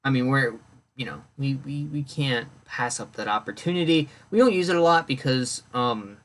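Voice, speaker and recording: On his solo podcast, a man rambles casually, restarting and correcting himself amid lots of fillers, his voice congested and phlegmy. It's mid-range and a bit bright, at a moderate pace.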